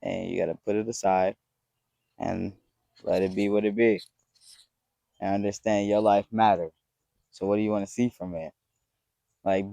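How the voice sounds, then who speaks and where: A man's voice: deep voice, gravelly, warm tone, no echo. A man in his twenties talking to camera in a rambling, earnest motivational way, swearing freely as he goes. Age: 20s. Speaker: vlogger. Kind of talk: casual motivational talk to camera.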